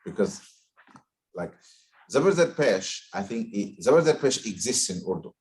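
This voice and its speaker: A man with a somewhat low voice runs a recitation class, his first language Bengali. He corrects his students patiently and draws words out slowly to show them how they should sound. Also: sing-song. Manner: patient, corrective, models slow drawn-out recitation. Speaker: Quran recitation teacher.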